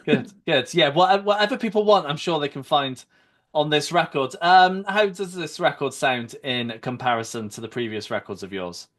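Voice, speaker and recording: A man's voice: on the high side, moderate pace, a bit bright. A man hosting a podcast interview in a confident radio presenting voice. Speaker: podcast host.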